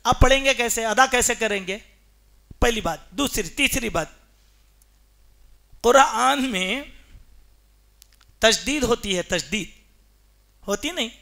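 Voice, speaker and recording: Man preaching, very high pitch, emphatic questions to the congregation. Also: expressive, creaky, pauses often, pushed and bright. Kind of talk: Friday sermon. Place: mosque.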